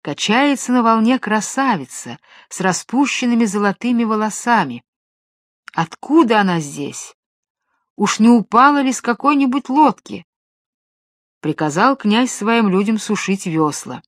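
A woman narrating a fairy tale in a calm, measured storytelling voice. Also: a little high, no room sound, clean studio sound.

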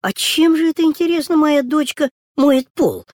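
A woman voicing a fussy mother who exclaims in dismay at her daughters, a little higher than her own voice. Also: animated, normal speed, a little mellow, no room sound, studio quality. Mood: exasperated. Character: fussing exasperated mother of two girls.

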